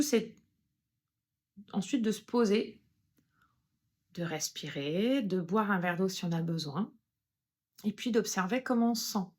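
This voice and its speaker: A woman calmly explaining and demonstrating an emotional tapping exercise, with frequent hesitant fillers. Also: mid-range voice, slightly rough. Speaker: EFT practitioner. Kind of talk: guided self-help demonstration.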